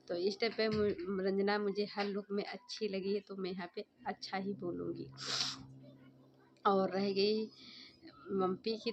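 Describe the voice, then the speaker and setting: A woman vlogger giving casual, opinionated commentary on other vloggers' videos, chatty and repeating her points. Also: mid-range voice. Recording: dull lo-fi sound with faint background hum.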